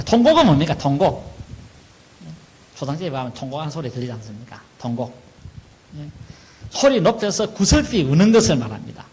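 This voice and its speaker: A man's voice: fairly high pitch, rough recording. A middle-aged man preaching a sermon as pastor, asking questions and answering them himself. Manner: acts out wailing mourners in a raised voice.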